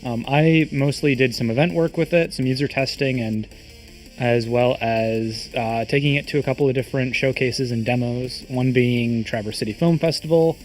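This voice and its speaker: A man's voice: mid-range voice, moderate pace, faint music behind. A man who helped on a game team, talking hesitantly on a voice call. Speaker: former game team member guest. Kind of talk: casual voice chat.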